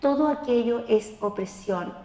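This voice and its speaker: A woman gives a spoken sermon in a reverberant hall, and her voice rings out with a long tail. Her pitch sits a little high. She speaks to the listener directly and puts on the voices of the people she quotes. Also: a little slow. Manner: expressive, acts out quoted voices with rising pitch. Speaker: lay preacher teaching a seminar.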